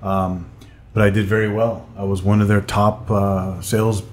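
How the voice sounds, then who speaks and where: A man's voice: fairly low pitch, level tone, moderate pace, a little hiss or hum. A middle-aged man from Glendale, California, a sales coach speaking unhurriedly as a podcast guest, with many fillers and restarts. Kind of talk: casual interview.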